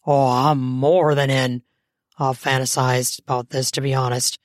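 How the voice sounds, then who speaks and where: Woman putting on a deep-voiced lusty young man. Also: flat delivery, a little slow, dry recording, clean studio sound. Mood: lustful.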